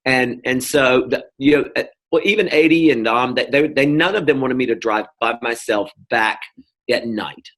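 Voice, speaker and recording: This middle-aged North Carolinian has a medium-pitched, slightly bright voice and keeps a moderate pace. Appearing as a guest in a relaxed, casual interview, he wanders through his points, often restarting and leaning on fillers.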